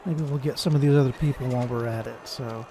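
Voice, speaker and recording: A man hosts a casual game playthrough, reading dialogue options aloud and adding musing, explanatory asides. His mid-range voice is mellow with fairly even intonation and a quick pace, over slight background noise.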